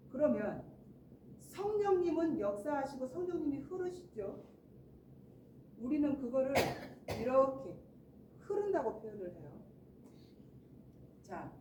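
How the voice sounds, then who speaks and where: A woman's voice: a little high, dark tone. A woman preaching a sermon as the pastor's wife, asking her listeners questions and acting out little everyday scenes. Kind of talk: sermon to a congregation. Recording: roomy echo, distant mic, noisy background.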